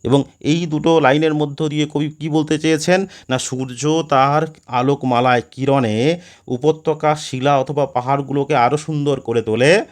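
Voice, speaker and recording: A man's voice: fairly high pitch, fairly even intonation, normal speed. A man teaching a poem with a Bengali accent, asking questions and then answering them himself, often restarting words. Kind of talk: poetry lesson explanation.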